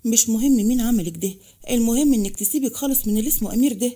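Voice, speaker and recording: A woman's voice: a little high, rapid-fire, dark tone, close to an everyday voice. A woman voicing a blunt, protective young female friend with an Egyptian accent, speaking in a scolding way. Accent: Egyptian Arabic.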